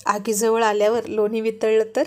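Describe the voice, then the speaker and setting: A woman voicing a shy, affectionate young wife who gently scolds her husband, in a story read aloud. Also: on the high side, completely flat delivery, normal speed, lightly acted. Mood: shy scolding. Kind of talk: storybook reading.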